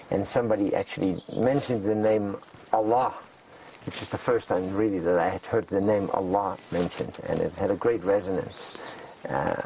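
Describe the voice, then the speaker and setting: A man in his sixties from the Netherlands, speaking haltingly in an interview with many pauses and fillers. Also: lowish voice, a little mellow, recorded from a distance, slight background noise, poor audio. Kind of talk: recorded interview.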